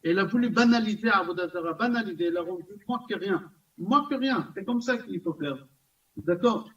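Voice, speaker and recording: Speaking briskly, a high-voiced rabbi gives a lively Torah class in a community center room, going over points again and asking the audience questions. Because he is far from the mic, the recording sounds distant, dull and lo-fi.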